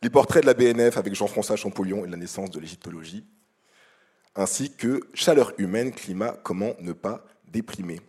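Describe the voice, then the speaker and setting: A man speaking as a jury member presenting an award, in a semi-improvised speech, pausing often to find his words. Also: fairly low pitch, a little mellow, husky.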